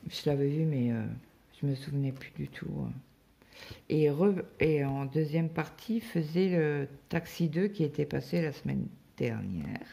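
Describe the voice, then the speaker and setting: A woman from France talks casually to her viewers, rambling from story to story with plenty of hesitations. Her voice is gravelly and mellow, and she is still getting over a stomach bug. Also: sits low, animated, a little slow. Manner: rambling, chatty storytelling with many fillers. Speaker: cross-stitch vlogger. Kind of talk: casual chat.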